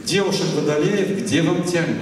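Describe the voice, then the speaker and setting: A man in his fifties, a writer answering audience questions at a library talk, musing and digressive, with pauses and fillers. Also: a little high, expressive, slight background noise. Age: 50s. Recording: echoey hall, voice picked up from a distance.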